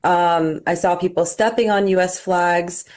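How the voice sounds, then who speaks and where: Halting young woman, lowish voice. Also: steady tone, a little mellow. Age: young adult. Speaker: student eyewitness guest. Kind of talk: first-hand account in an interview.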